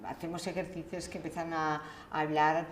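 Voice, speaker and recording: Low-pitched woman coach, roomy sound. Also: moderate pace, slight background noise. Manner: calm, instructive, gives step-by-step exercises. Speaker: communication coach. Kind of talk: documentary interview explanation. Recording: roomy interview with faint ambience.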